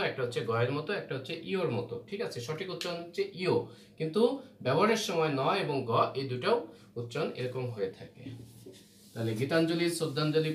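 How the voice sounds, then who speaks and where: In a slightly high voice, a man patiently walks students through Bengali spelling rules ahead of exams, checking often with "ঠিক আছे?". The mic sits away from him, giving a roomy echo and a faint hum.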